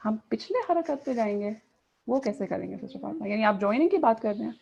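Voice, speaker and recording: A woman's voice: on the high side, expressive, gravelly, darkish tone, breathy edge, highs cut off. A woman teaching a recitation class online, mixing in English and asking her students questions. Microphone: video call.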